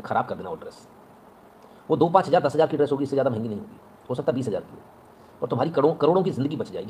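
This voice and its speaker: A man's voice: medium pitch, warm tone, a little hiss or hum. A man with a Hindi accent giving blunt advice in a lecturing monologue, often asking "right?". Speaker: online news commentator.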